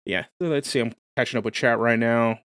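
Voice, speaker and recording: A man's voice: mid-range voice, a little fast, fairly bright tone, clean tone, dry recording, studio quality. A man hosting a livestream, talking casually and eagerly about rules for a tabletop game while reading chat aloud. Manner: enthusiastic, casual slang, reads chat aloud. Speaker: livestream host.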